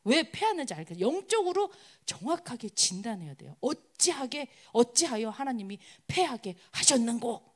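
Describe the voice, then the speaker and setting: A woman's voice: fairly high pitch, moderate pace. A woman preacher giving a sermon to college students, constantly asking the listeners questions. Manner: animated, acts out quoted crowds.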